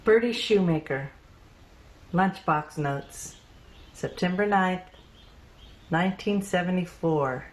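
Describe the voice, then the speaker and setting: A woman's voice: lowish voice, slow pace, long pauses. A woman performing a theatrical monologue, reminiscing wistfully and trading gossipy asides. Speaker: stage performer.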